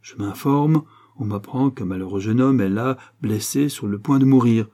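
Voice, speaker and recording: A man's voice: mid-range voice, moderate pace, mellow, close to an everyday voice. A man reading aloud, voicing an earnest young woman who tells a story at length and is easily flustered.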